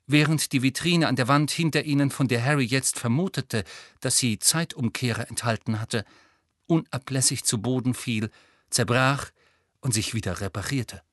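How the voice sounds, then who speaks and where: A man narrates a storybook in a measured, even way. His voice sits at a middle pitch. The recording is dry and close, with no room sound. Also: no echo. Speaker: audiobook narrator. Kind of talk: scripted narration.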